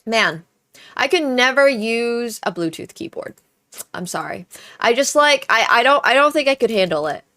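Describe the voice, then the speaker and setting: This young livestream host, whose first language is Chinese, chats casually, thanks her viewers, and tries greetings in lots of languages. Her slightly high voice is expressive, bright, and forceful, delivered at normal speed with faint background music.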